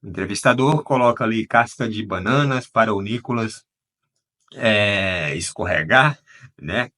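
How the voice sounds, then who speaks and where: A man's voice: lowish voice, unhurried, pushed and bright. A man narrating a promotional video intro and asking viewers to subscribe. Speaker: channel narrator.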